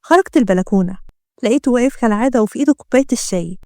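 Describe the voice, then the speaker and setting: A woman with an Egyptian accent telling a first-person story in a lively, chatty way. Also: fairly high pitch, racing, dry recording, clean studio sound. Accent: Egyptian Arabic.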